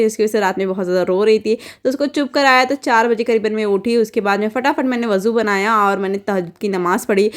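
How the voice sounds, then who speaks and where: A young adult woman talks through her day in a relaxed, homely voice-over, as a mother showing her routine. Her voice sits a little high, and she rambles with fillers and restarts along the way. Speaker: vlogger and mother. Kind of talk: casual voice-over narration of a daily routine.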